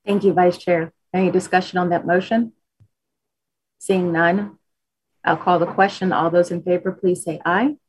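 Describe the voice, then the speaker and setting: A woman's voice: on the low side, steady tone, normal speed, husky, no room sound, low-quality recording. A woman chairing a formal government commission meeting in a courteous, procedural manner.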